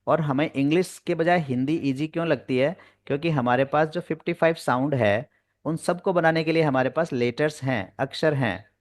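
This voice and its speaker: A man's voice: a little high, moderate pace, no echo, clean studio sound. A man teaching spoken English in an online class, explaining in Hindi mixed with English terms, patient and repetitive. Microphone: video call.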